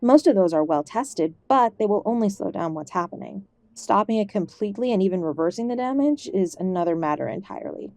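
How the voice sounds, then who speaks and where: An affectionate older mother in poor health, played by a woman in an audio drama, fusses gently and calls people endearments, old-fashioned yet stubbornly hopeful. Her voice is soft-edged, mellow, and mid-range, expressive and fairly quick, close to an everyday voice, with a measured, serious mood. It's recorded close and dry, with no echo.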